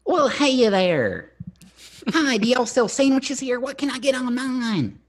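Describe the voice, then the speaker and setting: A man's voice: extremely high pitch, very animated, a little slow, pitched above the performer's own voice, full character voice. A man voicing a cheerful male cartoon sea sponge, bubbly and eager as a folksy customer. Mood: excited.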